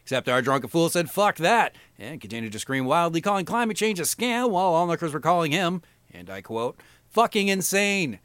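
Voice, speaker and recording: A man's voice: fairly high pitch, big pitch swings, brisk, few pauses, a bit bright, no room sound. A middle-aged man hosting a podcast, reading crude satirical news with a profane, mocking, sarcastic delivery. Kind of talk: crude comedic news parody.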